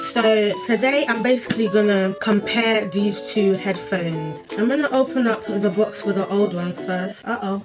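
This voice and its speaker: A woman vlogger speaking with a lisp from a new piercing, chatting bluntly and casually while unboxing, with some swearing. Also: medium pitch. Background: music.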